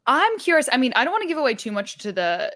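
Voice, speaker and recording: A young woman co-hosting a podcast in casual banter, with quick, playful comebacks. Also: high voice, sing-song, fairly bright tone. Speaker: podcast co-host.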